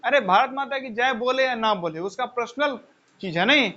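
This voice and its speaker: Male teacher, high and bright, chatty lecture, muffled lo-fi recording. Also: lively intonation, moderate pace. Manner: conversational, rhetorical questions, repeats phrases. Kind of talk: lecture with personal stories. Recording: dull lo-fi sound.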